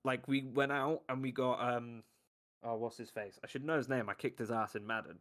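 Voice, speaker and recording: A man in an easygoing sports podcast chat, mid-pitched and blunt. He talks loosely and swears without a second thought. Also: fairly even intonation, brisk, fairly bright tone. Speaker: podcast co-host. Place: lives in Ohio.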